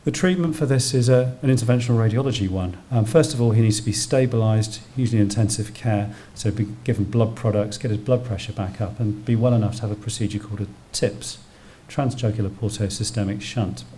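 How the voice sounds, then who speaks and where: A British doctor gives a public medical lecture on emergency radiology in an indoor public venue, plainly explaining technical terms as he goes. His fairly low, dark voice moves a little fast with hardly any pauses.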